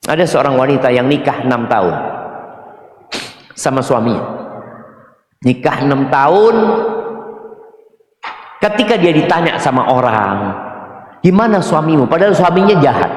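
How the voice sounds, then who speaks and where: A man giving a question-and-answer sermon to a congregation, telling stories with humor and acting out husband and wife in voices. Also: medium pitch. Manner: humorous storytelling, addresses the congregation. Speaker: Islamic preacher. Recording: very echoey hall with long reverb.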